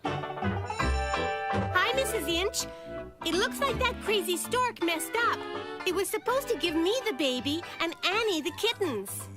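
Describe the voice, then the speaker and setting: A woman voicing a bright, chatty, quick-witted little girl in a children's cartoon, telling things in an animated, wisecracking way. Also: very high voice, music in the background, full character voice. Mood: puzzled.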